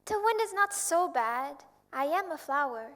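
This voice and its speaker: Tender proud rose, very high voice, wistful. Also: female voice, animated, unhurried, a bit bright. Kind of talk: stage play performance. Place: school auditorium stage.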